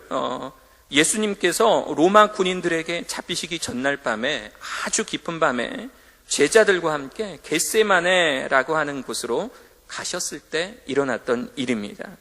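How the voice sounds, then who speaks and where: A man delivers a sermon to students in a school chapel, his bright, forceful voice pitched on the high side. He tells stories with animation and performs the voices he quotes, all carried on hall reverb.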